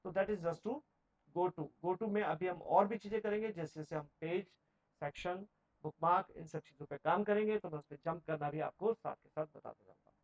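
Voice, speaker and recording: Lo-fi man teaching a software lesson. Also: sits high, normal speed. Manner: explains step by step, mixing Hindi and English. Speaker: computer teacher. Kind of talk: screen-recorded software tutorial.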